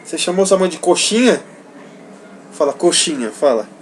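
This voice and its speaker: Woman, lowish voice, bouncy up-and-down baby talk, coaxing a little one in a home phone video. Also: lively intonation, normal speed, a little hiss or hum, rough recording. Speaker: caregiver filming a toddler.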